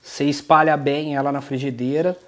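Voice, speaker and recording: A man's voice: a little high, brisk. A man in his thirties with an interior São Paulo Brazilian accent, casually walking viewers through a recipe in a home kitchen. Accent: Brazilian Portuguese, São Paulo interior. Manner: relaxed, chatty, keeps addressing viewers. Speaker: cooking show host. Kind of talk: casual cooking demonstration. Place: home kitchen and outdoor street market.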